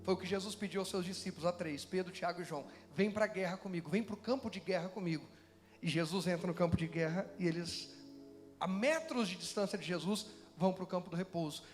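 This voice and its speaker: High-voiced preaching man, echoey hall. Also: quick pace, soft background music. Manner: preaching with rising intensity, mocking voices in quotes. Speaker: pastor. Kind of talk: sermon.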